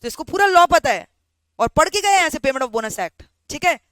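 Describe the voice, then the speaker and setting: A woman's voice: high voice, normal speed, no room sound. A woman teaching a law class, acting out both sides of a story and often checking whether students follow. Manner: animated, acts out both sides of a story, asks "samajh mein aa raha hai?".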